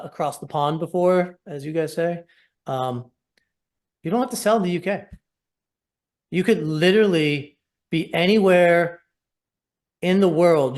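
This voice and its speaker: A man hosting a casual sales webinar over a video call, talking in an upbeat, persuasive and rambling way. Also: on the high side. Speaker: program host.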